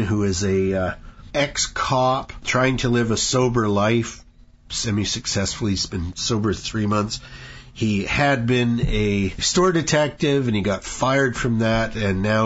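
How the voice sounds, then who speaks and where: A man's voice: lowish voice, husky. A man co-hosting a podcast, retelling a movie plot in a casual, laughing, sarcastic way. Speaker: podcast co-host. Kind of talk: casual movie review chat. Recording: dull lo-fi podcast audio with faint hiss.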